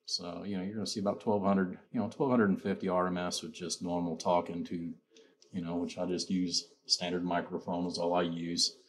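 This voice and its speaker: This amp builder and seller has a very deep, fairly flat voice and talks a little fast during his casual product demonstration. He wanders off topic, repeating "you know" and "like I said," over a slight hiss or hum.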